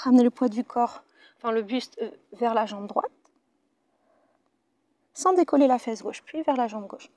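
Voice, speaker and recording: A woman teaching a Pilates class, giving calm breathing cues and breathy whispered counts while doing the exercises herself, close to the mic. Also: a little high, moderate pace, long pauses. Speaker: Pilates instructor. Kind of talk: guided workout instruction. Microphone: mic very close to the face.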